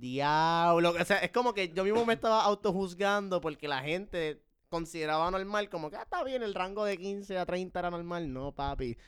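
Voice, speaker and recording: Animated Puerto Rican man swearing through a story. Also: a little high, clear, resonant tone. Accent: Puerto Rican Spanish. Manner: profane, animated, self-mocking storytelling. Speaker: podcast host. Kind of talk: casual storytelling chat.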